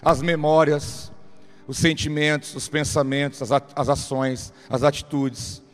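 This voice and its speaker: A man's voice: a little high, flat delivery, unhurried. A man with a Brazilian Portuguese accent giving an emphatic motivational sermon, speaking straight to his listeners. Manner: emphatic, addresses listeners directly. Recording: reverberant hall.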